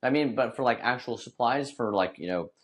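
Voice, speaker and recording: A man's voice: medium pitch, a little fast. A man co-hosting a podcast in casual chat, rambling with many restarts and fillers. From Northern California. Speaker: podcast co-host.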